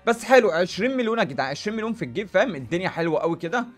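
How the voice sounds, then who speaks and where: A young man with an Egyptian Arabic accent rattles off gameplay commentary at a rapid clip, high-pitched and hyped. He talks in animated, slang-heavy bursts, with faint music running beneath him. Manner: animated, rapid, hype-filled street slang. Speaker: gaming YouTuber.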